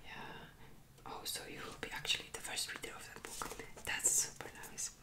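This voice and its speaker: Young woman's whispered role-play as librarian. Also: moderate pace. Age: young adult. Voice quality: soft unvoiced library whisper. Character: helpful, chatty young librarian serving a visitor. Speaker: ASMR creator playing a librarian. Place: small indoor room at home. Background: computer keyboard typing.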